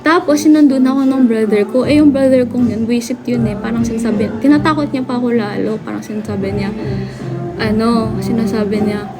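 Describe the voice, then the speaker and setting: Young Filipina streamer, high voice, animated storyteller who acts out the voices, music under her voice. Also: a little fast. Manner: animated, acts out family members' shouting. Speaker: livestream host. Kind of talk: casual storytelling to a live chat.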